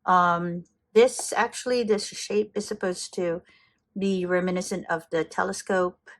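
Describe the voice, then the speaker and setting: A woman's voice: lowish voice, steady tone, unhurried. A middle-aged woman with a Filipino accent, chatting enthusiastically as she shows off her fountain pen collection, often correcting herself. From Philippines. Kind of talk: casual show-and-tell.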